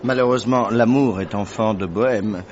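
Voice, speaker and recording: A man acting in a radio drama as a wry, grumbling doctor who narrates as the detective's sidekick, with a husky voice and expressive storytelling. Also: on the low side, moderate pace, background noise, close to an everyday voice. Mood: flustered. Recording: dull, muffled radio drama recording.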